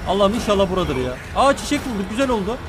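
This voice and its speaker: High-voiced frantic swearing man gaming. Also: sing-song, quick pace. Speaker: gaming streamer. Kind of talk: let's play commentary. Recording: game music loud behind voice.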